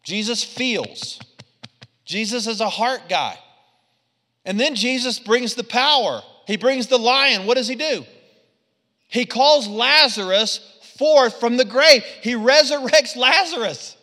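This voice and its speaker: A man preaching a lively sermon, swinging from loud punches to quiet asides. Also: very high voice, slow pace, big-room sound. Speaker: pastor.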